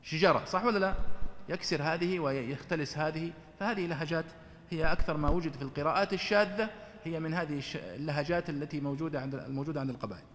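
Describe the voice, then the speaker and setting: A man's voice: a little high, rapid-fire, big-room sound, slight background noise. A man teaching Quran commentary in a conversational lecture style, asking his students rhetorical questions.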